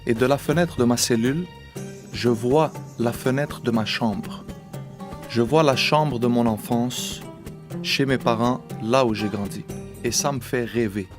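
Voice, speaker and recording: A man in his late thirties with a Québécois French accent, reflectively telling his own life story as a personal testimony, measured and with small hesitations. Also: medium pitch, over music. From Quebec, Canada.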